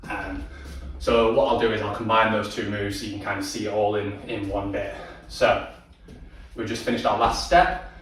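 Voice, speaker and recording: A man's voice: fairly low pitch, level tone, moderate pace, a bit bright, slight background noise. Echoey male dance instructor counting beats. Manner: counts beats aloud and sings cues; chatty, encouraging, many ums. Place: dance studio. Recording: very echoey studio from far off.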